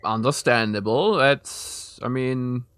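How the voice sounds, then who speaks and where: A German-native man with a mid-range, slightly bright voice speaks slowly, and the sound is clean with no room sound. He streams a video game, rambling as he thinks aloud and answering chat messages from viewers while he plays.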